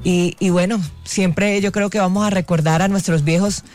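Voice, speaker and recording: A woman's voice: on the low side, fairly even intonation, normal speed, darkish tone, faint music behind. A woman with a Colombian Spanish accent co-hosting a radio chat, earnest and reflective. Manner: earnest, reflective, explains with facts. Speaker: radio co-host.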